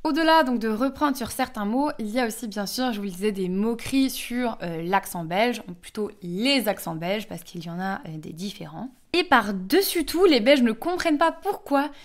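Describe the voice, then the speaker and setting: A young Belgian woman with a Belgian French accent teaches French in a casual talk to camera. Her voice sits a little high, and she pauses often on drawn-out fillers between phrases. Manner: frequent hesitant "euh" fillers, lively pitch swings.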